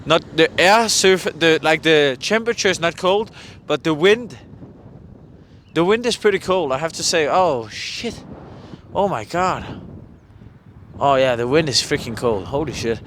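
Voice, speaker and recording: His voice sits fairly high and sounds fairly bright, expressive, and measured in pace. He is a vlogger and street interviewer who rambles a little hesitantly in casual conversation while questioning passers-by along a mountain-valley road, captured in a windy, noisy roadside recording.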